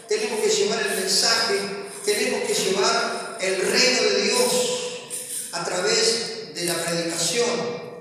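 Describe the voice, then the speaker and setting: Emphatic preacher, high voice. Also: male voice, sharp tone, a little hiss or hum. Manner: emphatic preaching with call-and-response questions. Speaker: pastor. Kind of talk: sermon. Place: church hall. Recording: echoey hall from far off.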